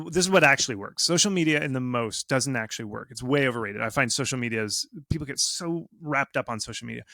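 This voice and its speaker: With a mid-range voice and no echo, a guest expert on game marketing offers conversational advice. His delivery is emphatic, informal and animated, and he frequently acts out imagined reactions and quotes.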